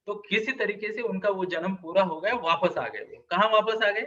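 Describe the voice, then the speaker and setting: A man's voice: high-pitched, lively intonation, moderate pace, pushed and bright. A man who counsels children, telling a story as a lesson, asking the audience questions and having them repeat the key words. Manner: brief acted voices for the characters in the story. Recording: somewhat distant, slightly dull sound.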